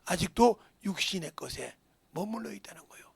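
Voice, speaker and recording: A man's voice: sits high, expressive, brisk, vocal fry, darkish tone, husky. A male pastor preaching a sermon with emphasis. He fires rhetorical questions and often drops into a whisper.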